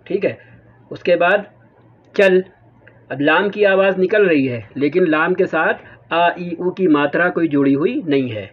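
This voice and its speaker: A man teaching an Urdu reading lesson, patiently repeating and spelling out letter sounds step by step. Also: high-pitched. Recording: tinny phone-like audio.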